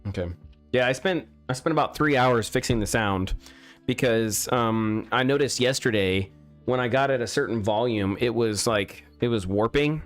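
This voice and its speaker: Building a game on a live stream, a young man chats casually in a mid-range voice at normal speed, reacting loudly to mistakes and starting sentences over. He speaks into a studio mic fitted with a pop filter. Faint music sits in the background.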